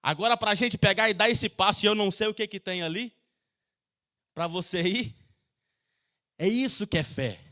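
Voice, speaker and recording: A man's voice: high-pitched, normal speed, long pauses, bright, forceful tone. A man preaching a sermon in church, telling stories and dramatizing the voices in them. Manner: storytelling preaching, dramatizing quoted voices, sometimes singsong. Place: church sanctuary.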